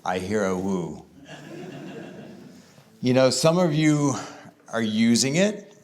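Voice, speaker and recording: A man speaking to a room of pastors at a conference, conversational and easygoing, leaning on words and slowing down for emphasis. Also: medium pitch, sing-song, darkish tone. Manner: conversational, with varied emphasis and deliberate slow stretches. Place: conference room with live audience.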